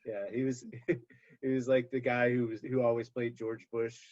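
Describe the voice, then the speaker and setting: A man's voice: medium pitch, level tone, moderate pace, darkish tone. Rambling male podcast host, dull audio. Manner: rambling, many fillers and restarts. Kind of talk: casual movie rewatch podcast chat.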